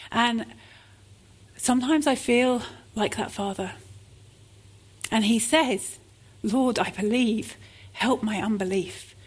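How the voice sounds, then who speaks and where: A woman's voice: mid-range voice, breathy edge. A woman preaching a sermon, telling stories in an earnest, heartfelt way.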